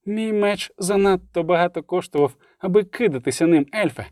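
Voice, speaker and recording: A man voicing a fierce woman mercenary who shouts defiant battle cries. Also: high-pitched, sing-song, a little fast, dry recording, studio quality, pitched above the performer's own voice.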